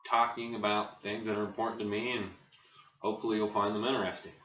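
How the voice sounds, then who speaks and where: An American man with a lowish voice talks casually to his channel, rambling at an unhurried pace. He sounds set back from a built-in laptop mic in an echoey garage, slightly muffled. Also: level tone, a bit bright. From Ohio, United States. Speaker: video blogger, channel host. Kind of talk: casual vlog chat. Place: home garage. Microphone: built-in laptop camera microphone. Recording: roomy, distant, muffled laptop mic with faint noise.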